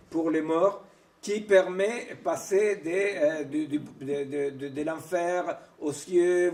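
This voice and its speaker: A man's voice: fairly high pitch, warm tone. Man lecturing in an echoey seminar room. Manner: digressive, keeps checking in with "vous voyez", "non?", "hein"; frequent hesitations and restarts. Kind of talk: informal academic seminar lecture. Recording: echoey room, mic far from speaker.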